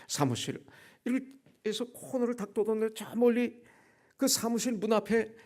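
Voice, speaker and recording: Korean pastor telling a personal testimony. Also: male voice, lively intonation, moderate pace, darkish tone. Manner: storytelling testimony, acting out quoted dialogue with shifts in pitch and volume. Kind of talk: sermon. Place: church sanctuary.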